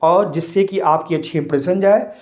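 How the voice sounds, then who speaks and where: Guy teaching pronunciation, kinda high voice, slow and measured, echoey room. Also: a little mellow. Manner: measured, mixes Hindi and English. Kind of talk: explaining lesson to camera.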